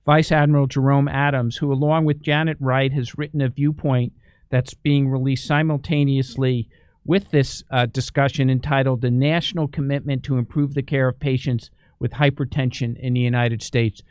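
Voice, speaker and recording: A middle-aged man hosting an interview, asking questions in a measured way with halting restarts. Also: mid-range voice, flat delivery, darkish tone, clear, resonant tone, dry recording, clean studio sound. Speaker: interview host, journal editor.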